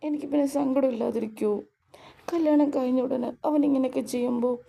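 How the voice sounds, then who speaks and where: A woman's voice: sits high, fairly even intonation, fast talker, vocal fry, dark tone, pitched above the performer's own voice, full character voice. A woman voicing a young wife who pleads in a babyish, coaxing way. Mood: pleading.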